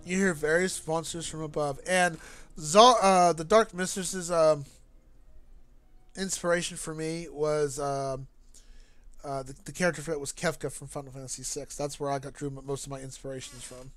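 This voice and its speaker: A man streaming and casually commenting on a game he made. He talks in a chatty, jokey way and often gets animated. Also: a little high, moderate pace, no echo. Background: faint game music.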